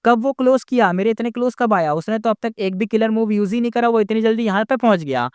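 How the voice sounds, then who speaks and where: A proud young woman rival fights her nerves in an anxious, frustrated inner voice, as a man reads her lines. The voice sits fairly high, smooth and clean. It is recorded dry and close, with no room sound behind it. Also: fast talker, no room sound, close to an everyday voice. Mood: shocked. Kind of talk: casual story retelling.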